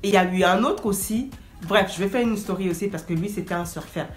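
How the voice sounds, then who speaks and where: A young adult woman telling a story of her travels to camera in an animated, casual way, acting out the dialogue, her voice carrying loudly when she raises it. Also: medium pitch, fast, faint music behind. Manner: animated, acts out dialogue and bursts into shouting. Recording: roomy echo.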